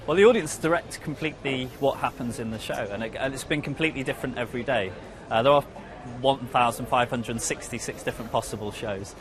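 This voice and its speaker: A male comedian explaining his interactive show in an interview, quick and earnest. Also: mid-range voice, music in the background.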